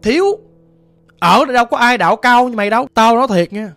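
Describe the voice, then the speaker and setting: A menacing gang boss who worships a vengeful spirit, as a storyteller puts him on, talking low and slow. His speech is measured and threatening. Faint music plays beneath the voice. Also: fairly bright tone, close to an everyday voice. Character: menacing male cult leader, gang boss.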